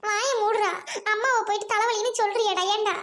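A woman with a Trichy Tamil accent acting a shrill, nagging village mother-in-law in a comedy skit. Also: steady tone, a little fast, a bit bright. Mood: scolding.

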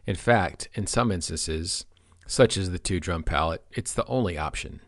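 Male product trainer with a deep voice, reading a script with dry, deadpan humor. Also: normal speed.

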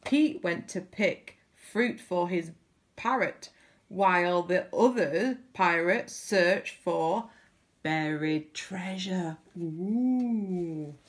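A woman reads a picture book aloud to children. Her pace is very slow and unhurried, and she adds chatty little comments between the lines. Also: lowish voice. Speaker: storybook reader.

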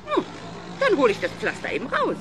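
A woman's voice: high voice, wildly swooping pitch, a little fast, music in the background. A fussy, nosy neighbor lady. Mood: fussy, chattering. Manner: echoes every question back, then answers it herself. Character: fussy chatty neighbor woman, nosy and bossy. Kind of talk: 1970s radio play acting. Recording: noisy old vinyl record.

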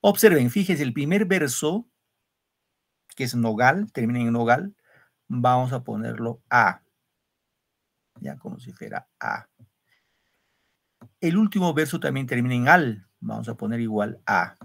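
Guy teacher on an online class call, rough gravelly voice, kinda middle pitched, walks the kids thru it asking "right?" all the time. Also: very animated, a little slow, long pauses, a bit bright. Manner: explains step by step, keeps asking students questions with tag "¿no?". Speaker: secondary school literature teacher. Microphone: video call.

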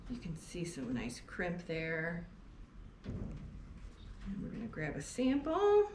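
Speaking slowly with huge pitch swings in a lowish voice, a middle-aged woman who farms sheep and sells fleece casually demonstrates her work at a skirting table indoors in a barn. The camera sits on a tripod a few feet away; the room echoes, with faint ambience and background noise.

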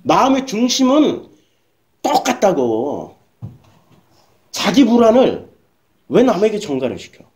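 A woman pastor delivers her sermon bluntly and emphatically, peppering it with rhetorical questions and coarse slang. Her voice is mellow and dark in tone, yet her pitch swings widely from phrase to phrase. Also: very animated, unhurried, pauses often. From South Korea.

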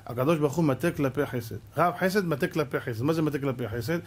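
A middle-aged rabbi delivers a fiery sermon in a husky, somewhat high voice. He scolds and argues with rhetorical questions and acts out the voices of the people he quotes. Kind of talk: Torah sermon.

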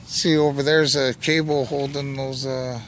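Speaking slowly in a mid-range voice, this man narrates his night magnet fishing outing in a flat, casual vlog style. He's out on a bridge walkway after dark, recording on a handheld camera or phone, and the audio is noisy with light ambient hum behind him.

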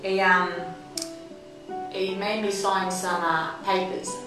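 A woman's voice: medium pitch, flat delivery, slow, roomy sound, music in the background, close to an everyday voice. A woman playing a sly daughter in mock Cockney. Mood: wheedling. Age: young adult. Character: flippant young adult daughter, teasing and sly. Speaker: adult daughter.

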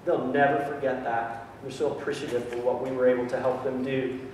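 A man's voice: mid-range voice, little pitch movement, brisk, a little mellow, far from the mic, slight background noise. Earnest man preaching in an echoey sanctuary. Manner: earnest and grateful, with many restarts and ums. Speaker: pastor. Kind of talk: sermon. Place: large church sanctuary.

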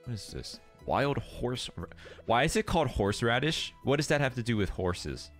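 A man co-streaming a game, chatting casually, excitable and full of exclamations. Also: mid-range voice, moderate pace, soft background music. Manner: excitable, exclaiming and musing aloud. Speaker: guest co-streamer. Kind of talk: casual gaming chat.

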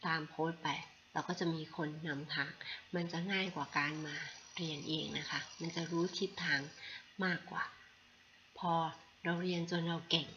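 A woman's voice: low voice, steady tone, normal speed, pushed and bright. A woman who teaches English in a chatty, encouraging video lesson with many fillers. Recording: dull lo-fi sound with faint noise.

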